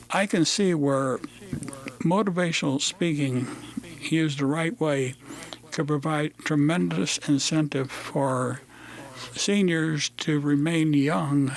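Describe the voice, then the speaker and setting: A man hosting a radio talk show, interviewing guests in a casual, halting way with many fillers and restarts. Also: fairly high pitch, creaky. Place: radio studio.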